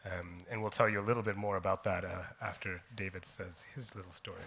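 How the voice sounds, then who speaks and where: A man from Kenya telling his personal story on a conference stage, slow and deliberate, with frequent pauses and "um"s. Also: sits low, steady tone, fairly bright tone, a little hiss or hum. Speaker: conference speaker, company co-founder.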